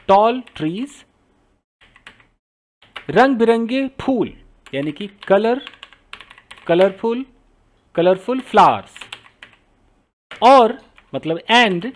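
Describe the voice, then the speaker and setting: Man, teacher, high voice, repeats each phrase, keyboard typing behind. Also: sing-song, extremely slow, long pauses, a little hiss or hum. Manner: explains step by step, repeating phrases while typing. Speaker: English teacher. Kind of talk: Hindi-medium writing lesson, translating sentences.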